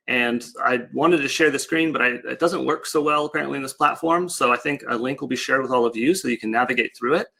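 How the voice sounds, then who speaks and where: The man's mid-range voice is gravelly, bright and forceful. He's presenting a project over online slides, keeping it informal, loosely improvised and casually explanatory.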